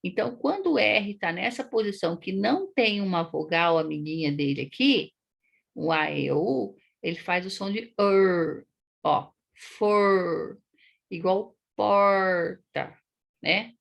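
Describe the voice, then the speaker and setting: A woman teacher with a Paraná Brazilian accent explaining a lesson to young pupils, patient and explanatory, often checking in with "né?" and sounding out words slowly. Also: fairly low pitch, expressive, creaky, slightly rough. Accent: Paraná Brazilian Portuguese. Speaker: primary school teacher. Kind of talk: recorded online lesson.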